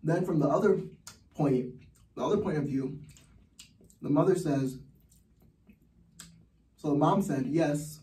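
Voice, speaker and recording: A man's voice: a little high, measured pace, long pauses, mellow, recorded from a distance, slight background noise. A man giving heated, blunt personal commentary as a vlogger, swearing often. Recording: roomy echo, from the mic.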